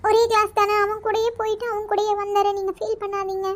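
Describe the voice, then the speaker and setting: A woman's voice: sits high, normal speed, close to an everyday voice. A woman voicing chatty, teasing young college girl friends in a cartoon. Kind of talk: cartoon voice acting.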